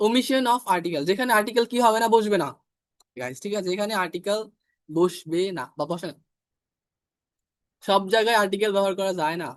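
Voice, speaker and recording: A man with a high-pitched voice teaches an online English exam class. He explains grammar rules step by step, says English example sentences slowly, and often checks that the class is following. The sound is dry and close. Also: animated, dry recording. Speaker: IELTS teacher.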